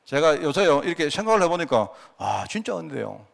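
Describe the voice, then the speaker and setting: A middle-aged male pastor with a Gyeongsang Korean accent, preaching in a chatty, storytelling way with asides to his congregation. His fairly high voice swoops up and down with animated pitch. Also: fairly quick, creaky. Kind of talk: conversational Friday prayer-meeting sermon.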